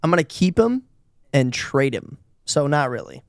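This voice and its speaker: A man's voice: a little high, big pitch swings, moderate pace, no room sound, clean studio sound. A man co-hosting a casual fantasy football podcast, laid-back with short replies. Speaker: podcast co-host. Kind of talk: casual chat.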